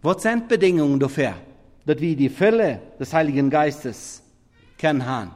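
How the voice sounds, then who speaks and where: A man preaching a sermon in halting, non-standard German, swinging between loud emphatic scripture reading and quiet murmured asides. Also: a little high, lively intonation. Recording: long reverb of a big hall.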